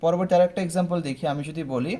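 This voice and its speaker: In a fairly high, dark-toned voice and at a very fast clip, a young man from Bangladesh teaches pronunciation rules for an admission test online. He breaks things down step by step, frequently checking on his students with "ঠিক আছে?".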